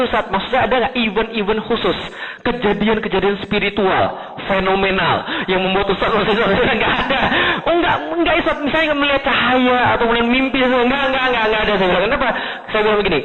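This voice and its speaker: Fast animated man preaching in a hall. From Indonesia. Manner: animated, swings between high emphatic and low asides; asks the audience rhetorical questions. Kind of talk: Islamic lecture to an audience. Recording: tinny lo-fi recording in a large hall.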